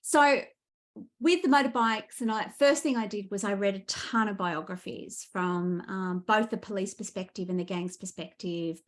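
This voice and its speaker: With a lowish voice and an Australian accent, this woman is a guest author chatting casually in an interview. She comes across as animated and eager while recounting her stories.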